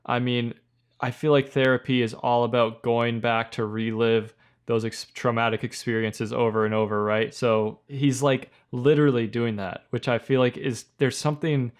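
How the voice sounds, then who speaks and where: A man with an ordinary mid-pitched voice reflects on a film in a relaxed podcast conversation. He hedges and weighs both sides, pausing on fillers as he works out his view. His tone is measured rather than forceful. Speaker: podcast co-host, filmmaker. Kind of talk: casual film discussion.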